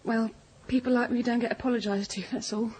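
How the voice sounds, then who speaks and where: A frightened stammering servant girl in a radio drama, high voice. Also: steady tone, brisk, a little mellow, slightly rough. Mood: nervous. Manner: nervous, hesitant, stammering. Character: timid young female servant girl, easily frightened.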